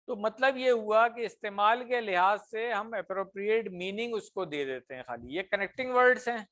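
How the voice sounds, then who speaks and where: A man teaching a class that is also followed online. He explains patiently, checks often that students follow, and slows down on example phrases. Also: sits high, fairly bright tone.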